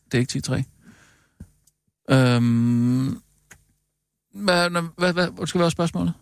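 A man's voice: on the high side, vocal fry, clear, resonant tone, no room sound, studio quality. A man in a comedy sketch who talks hesitantly, stammering and restarting.

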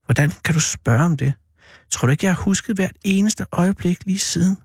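A man's voice: high-pitched, a little mellow, husky, no room sound, studio quality, voice pushed up. A man reading aloud and voicing a frightened, devoted young boy who pleads and cries out. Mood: tearful. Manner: pleading, crying out.

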